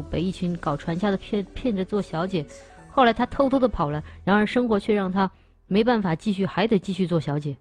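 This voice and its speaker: A woman's voice: medium pitch, darkish tone. A woman hosting a livestream, chatting playfully with her viewers and teasing them. She stammers and restarts, thanks donors and reads out their messages. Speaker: livestream host. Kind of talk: casual chat with viewers.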